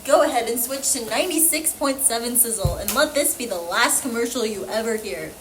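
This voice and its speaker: A woman's voice: a little high, animated, fairly quick, reverberant, background noise, lightly acted. A woman playing a salesy commercial announcer, reading a scripted parody radio advert. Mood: salesy, upbeat.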